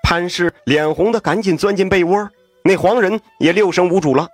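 A man telling a story in a traditional storytelling style, lively with folksy asides and exclamations. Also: high-pitched, normal speed, no room sound, faint music behind.

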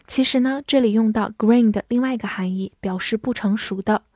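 A woman gives an English vocabulary lesson with a mellow, somewhat high voice. She spells words letter by letter and reads example sentences slowly. The sound is dry and close. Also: dry recording. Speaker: English teacher.

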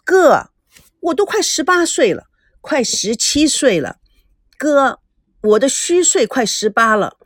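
A chatty teenage little sister who thinks she knows everything, as a woman reader puts her on. Her voice is highish and bounces all over the place, coaxing and lively. The recording is dry and close, with no room around it. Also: slow pace, dry recording, exaggerated voice. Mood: pleading. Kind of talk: audiobook character voice.

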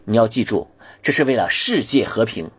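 A man's voice: on the low side, expressive, brisk, husky, no room sound. A man telling a satirical comedy monologue in a mock-serious, exaggerated storytelling manner. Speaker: comedic narrator.

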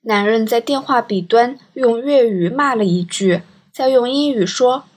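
A woman narrating an audiobook in an even storytelling manner. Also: a little high, a little slow, husky.

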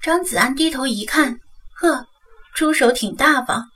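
A woman reads a novel aloud in a steady, measured storytelling voice. Her tone is slightly raised and breathy, and she sits away from the mic. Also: sits high, far from the mic. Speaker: audiobook narrator. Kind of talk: scripted novel narration.

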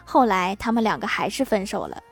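A woman narrating short comic jokes in a scripted style, adding deadpan quips after each one. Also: medium pitch, brisk, breathy edge. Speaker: joke-telling narrator.

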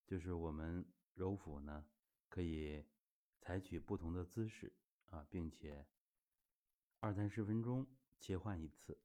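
A middle-aged man with a very deep voice gives a spoken exercise lesson. His tone is dark and mellow. He explains at a steady, patient pace, often dropping in small filler sounds. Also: unhurried. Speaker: health exercise instructor. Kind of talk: spoken teaching talk.

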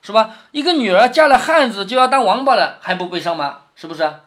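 A man putting on a loud, stumbling rich oaf. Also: high voice, expressive. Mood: blustering. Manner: slow, loud, stumbling delivery. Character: boorish blustering rich young man at a drinking game.

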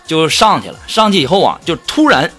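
A man hosting a comedy show, animated and laughing as he tells jokes. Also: fairly high pitch, brisk, slightly rough. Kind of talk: joke telling for a radio-style show. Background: music.

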